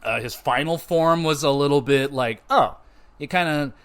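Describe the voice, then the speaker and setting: A man's voice: fairly high pitch, normal speed, clean tone. A man hosting a podcast, giving a loose, profane, casual game review with plenty of fillers and restarts.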